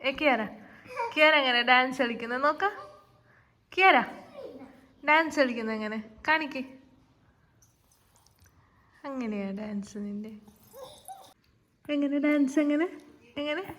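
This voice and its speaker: A woman's voice: high-pitched, slow pace, long pauses, pushed and bright. A mother with a slight cold, speaking in casual baby talk and repeating coaxing, sing-song prompts to her toddler at home.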